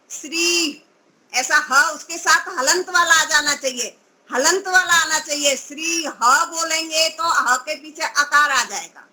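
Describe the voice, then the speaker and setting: A woman's voice: high-pitched, pushed and bright, low-quality recording. A woman teaching Sanskrit pronunciation, drawing out syllables and patiently correcting her student. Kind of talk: pronunciation lesson.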